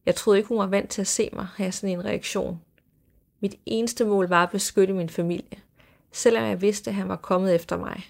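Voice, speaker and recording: A woman hosting a storytelling podcast reads eerie accounts aloud at a measured, hushed pace. Her voice sits at an ordinary pitch for a woman but carries a steady gravelly fry. At times she drops to a soft whisper. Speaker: podcast host.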